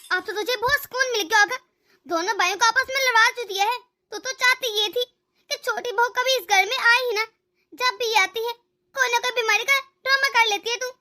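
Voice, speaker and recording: A woman's voice: extremely high pitch, full character voice. A woman doing a scolding old mother-in-law. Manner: scolding, sharp.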